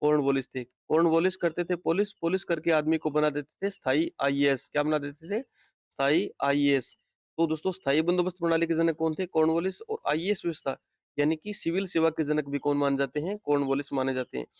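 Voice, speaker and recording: A man's voice: fairly high pitch, fast talker, no room sound, studio quality. A man teaching an exam-prep history lesson, repeating key questions and answers and calling his viewers friends. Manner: repetitive question-and-answer drilling; addresses viewers as friends often.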